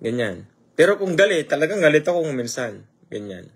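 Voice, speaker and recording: A man's voice: fairly high pitch, big pitch swings, fairly quick, slightly rough. A man preaching a sermon, firing rhetorical questions at his listeners and mixing English phrases into his talk. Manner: greets viewers by name mid-sermon.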